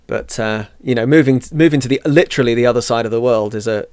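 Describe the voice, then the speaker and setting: A man's voice: medium pitch, a little mellow, clean tone, dry recording. A man co-hosting a podcast stream, asking questions casually with frequent restarts. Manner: halting, restarts often. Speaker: co-host. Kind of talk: casual chat.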